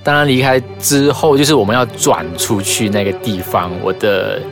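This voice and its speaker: A man's voice: on the low side, moderate pace, music in the background. A man, casually telling a ghost story as a guest. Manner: animated ghost story with laughs.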